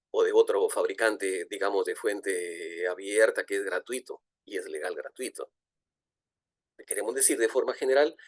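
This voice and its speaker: A middle-aged man, lecturing at a virtual conference, lively and full of fillers and restarts. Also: lowish voice, no echo, studio quality. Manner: animated, frequent fillers and restarts. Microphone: video call.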